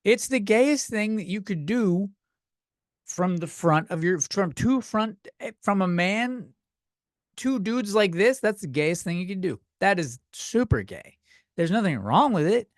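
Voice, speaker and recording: A man's voice: high-pitched, lively intonation, unhurried, dry recording, clean studio sound. A man in his thirties hosting a solo comedy podcast, rambling and swearing as he rants. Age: 30s. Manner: rambling, profane, self-deprecating. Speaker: podcast host.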